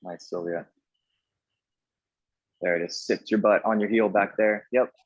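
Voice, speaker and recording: A man's voice: lowish voice, steady tone, a little slow, dull audio. A man coaching a live workout in an echoey indoor room, giving short cues and counting reps as he exercises along. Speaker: fitness coach leading a workout class.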